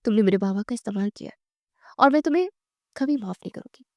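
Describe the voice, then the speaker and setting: A woman's voice: mid-range voice, expressive, dry recording, studio quality, natural voice. A woman voicing a young wife who is hurt, angry and defiant, in a raised, pleading tone. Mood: hurt, accusing.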